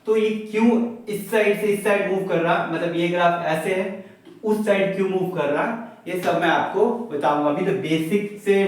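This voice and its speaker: A man's voice: sits high, normal speed. A man teaching a maths lesson, explaining step by step and repeating his points with homely examples. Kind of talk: classroom lecture on graphs. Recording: very echoey room, voice from far off.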